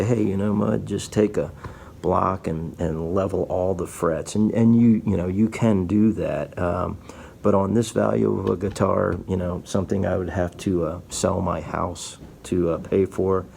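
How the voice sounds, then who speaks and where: In a small indoor guitar workshop, a guitar repair technician in his fifties gives a casual, folksy tutorial, patiently walking through each step. His voice is low, gravelly, and a little mellow, with faint room noise in the background.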